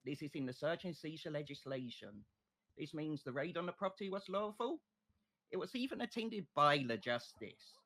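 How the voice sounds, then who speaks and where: A man playing a state prosecutor in an online courtroom role-play, making a passionate, deliberate closing argument. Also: fairly high pitch, animated, sharp tone, heavily acted, low-quality recording. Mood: firm, insistent.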